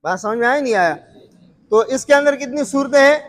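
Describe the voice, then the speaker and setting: High-voiced male tajweed teacher, echoing. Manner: repeats terms and quizzes listeners, drawn-out sung examples; frequent filler "what's it called". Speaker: Quran recitation teacher. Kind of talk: explaining recitation rules to students.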